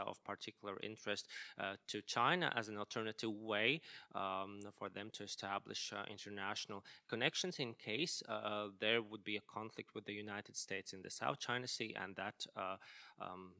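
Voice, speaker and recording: Male panelist, bright and somewhat low voice, halting delivery. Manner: hesitant, many filler sounds. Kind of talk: panel discussion remarks.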